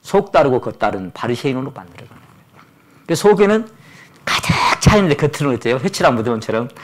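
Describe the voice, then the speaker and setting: Animated older male pastor preaching. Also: mid-range voice, fast. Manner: animated storytelling, acts out quoted voices. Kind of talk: sermon. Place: church service.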